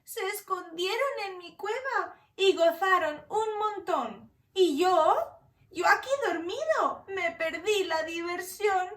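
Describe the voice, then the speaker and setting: A woman's voice: extremely high pitch, slow, a bit bright, distant mic, pitched above the performer's own voice, heavily acted. A woman voicing a big bear, woken up and whimpering that he missed the party, in a tearful, whiny voice.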